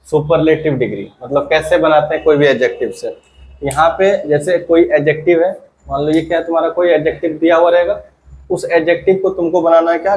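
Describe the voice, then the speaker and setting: A man's voice: on the high side, darkish tone, slight background noise, low-quality recording. A male teacher giving a classroom grammar lesson, asking questions and having his students answer together. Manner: quizzing students, prompting them to answer together.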